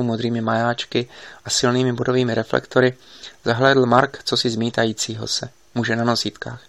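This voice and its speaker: A man narrating an audiobook in a steady, even reading. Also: medium pitch, creaky, no room sound.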